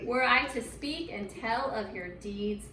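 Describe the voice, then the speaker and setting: Taking her time, a woman with a fairly high voice tells kids a Bible story in simple, encouraging terms, with dramatic emphasis in an animated story-and-chat style. The room sounds echoey, the mic far off, with faint noise in the background.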